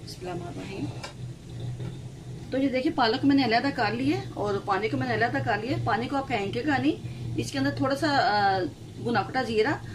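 A woman with a fairly high voice talks a home cook through a recipe, one steady step at a time. Her delivery is calm and unhurried, with short blessings dropped between the steps. Clear background noise sits under her voice. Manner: calm, steady instructions with frequent religious blessings. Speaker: cooking channel host. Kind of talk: step-by-step cooking voice-over. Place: home kitchen.

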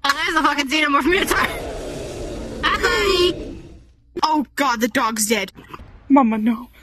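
A woman chatting loudly with friends while playing a VR game, shrieking and laughing a lot. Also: sits high, a little slow, background noise. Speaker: gaming friend.

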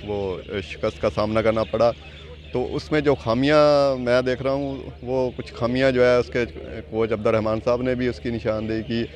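A middle-aged man giving cricket analysis in a measured way, heavy with filler phrases, into a handheld mic outdoors at a stadium. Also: medium pitch, steady tone, darkish tone. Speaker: cricket expert. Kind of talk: field interview.

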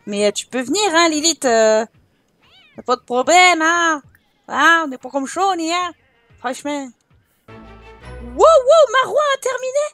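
Woman, high voice, let's play host, casual chatty commentary, teasing. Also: moderate pace, pushed and bright, no echo, soft background music. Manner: chatty, teasing, scolds her game characters.

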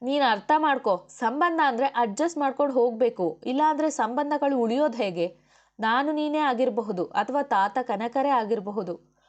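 A woman's voice: a little high, moderate pace, a little mellow, lo-fi sound, lightly acted. Brief: woman reader voicing a principled young woman official, firm and outspoken, in an audiobook. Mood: arguing. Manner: firm, argumentative. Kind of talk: audiobook character voice.

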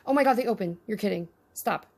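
A woman hosts a miniature toy unboxing, giving casual commentary and getting easily delighted as she handles the tiny toys. Her mid-range voice is fast, gravelly and a little mellow.

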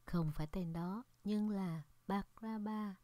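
A woman's voice: mid-range voice, slow, mellow, dry recording, close to an everyday voice. Woman reading as an angry accusing crowd. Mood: insistent. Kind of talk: Scripture reading.

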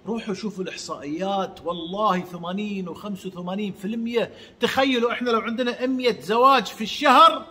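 Fiery fast-talking man preaching. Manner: heated, swings between shouting and low mutters. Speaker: channel host. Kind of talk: impassioned religious monologue.

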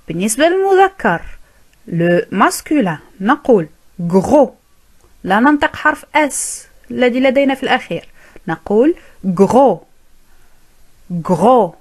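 A woman teaching a French lesson, saying each word slowly and repeating it several times for learners. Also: fairly high pitch, darkish tone. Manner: drills each word with careful, drawn-out repetition. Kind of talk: slow, repetitive language lesson.

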